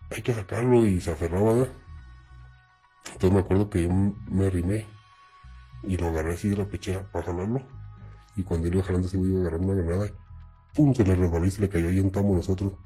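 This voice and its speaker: A man's voice: low voice, fast, pauses often, husky, faint music behind. A young man with a Mexican accent, telling his story in an interview in casual, swear-laden slang. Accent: Mexican Spanish. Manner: streetwise, swears often, relaxed.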